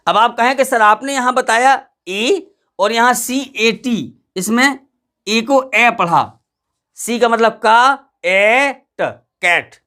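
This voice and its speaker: A man's voice: extremely high pitch, pushed and bright. A man teaching English pronunciation, explaining step by step and answering his own questions. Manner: addresses students as "beta"; spells letters out slowly. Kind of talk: classroom lesson.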